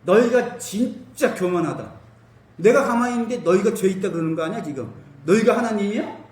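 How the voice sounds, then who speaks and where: A man's voice: high voice, lively intonation, brisk, darkish tone. A man voicing God as a stern, challenging figure who scolds in blunt, casual speech, in a roomy hall. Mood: angry. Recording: roomy hall, mic at a distance.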